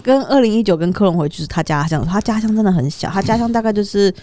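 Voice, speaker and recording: A woman's voice: medium pitch, quick pace, warm tone, a little hiss or hum. A woman with a Taiwanese Mandarin accent talks casually as a podcast host, repeating phrases for emphasis. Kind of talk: casual conversational interviewing.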